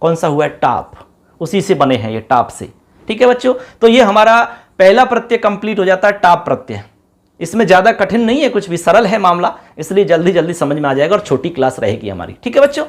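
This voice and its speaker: A man's voice: high voice, sing-song, a little fast. A male teacher explaining a lesson to students, repeating each word and quizzing them as he goes. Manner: repeats words, quizzes the class; sings a line of a song.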